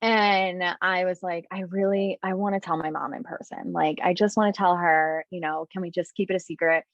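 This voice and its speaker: A woman's voice: fairly low pitch, steady tone, moderate pace, no room sound. A woman on a podcast telling her own story in casual chat, full of "like" and acting out her past thoughts. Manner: chatty, heavy use of "like", acts out her own past thoughts. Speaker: podcast guest. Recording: dry, slightly muffled audio.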